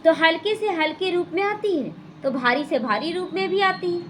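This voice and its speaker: A woman's voice: very high voice, moderate pace, a bit bright, slight background noise. A woman teaching a spiritual class, explaining the day's lesson and putting questions to the class. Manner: explanatory, asks the class questions and answers them. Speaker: Brahma Kumaris class teacher. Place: small gita pathshala classroom.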